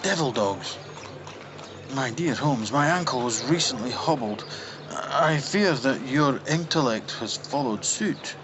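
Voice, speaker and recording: Man playing fussy Victorian gentleman, Doctor Watson. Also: mid-range voice, animated, lo-fi sound, background noise, close to an everyday voice. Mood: hesitant, sceptical. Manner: halting, genteel, stuffy. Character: fussy, hesitant Victorian gentleman doctor, sceptical, easily flattered. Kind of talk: radio drama acting.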